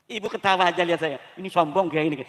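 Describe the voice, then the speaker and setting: A man from Banten preaches with a fairly high voice, tossing question after question to the crowd. His sermon rings through a hall with a long reverb tail. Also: rapid-fire. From Banten, Indonesia. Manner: lively, fires rhetorical questions at the audience. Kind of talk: sermon to a gathering. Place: Islamic boarding school gathering.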